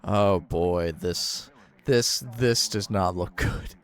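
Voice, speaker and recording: A man's voice: low-pitched, takes it slowly, slight background noise. A man giving casual commentary as he plays through a video game.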